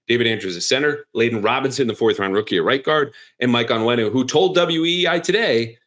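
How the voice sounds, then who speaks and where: A male sports podcast host in a casual, energetic monologue. His talk is conversational and keeps swinging into lively emphasis. His voice sits at an ordinary middle pitch.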